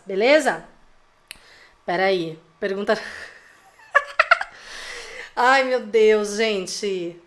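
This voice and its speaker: Bright-voiced Brazilian woman teaching live. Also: a little high. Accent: Brazilian Portuguese. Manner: chatty, teasing, fills with tag questions. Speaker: parenting educator. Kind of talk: live-streamed class.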